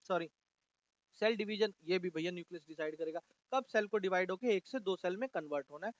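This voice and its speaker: A man teaching a school class in a chatty way, often calling students "beta" and reading textbook lines slowly. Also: high-pitched, dry recording, highs cut off. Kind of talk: classroom lesson.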